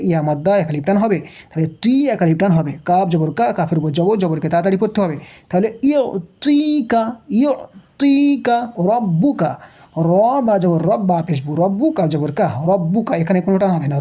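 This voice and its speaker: Woman, Quran recitation teacher, mellow warm voice, patient repetitive drilling, asks questions. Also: fairly low pitch. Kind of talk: tajweed lesson, spelling out and reciting verses. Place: home recording, unseen.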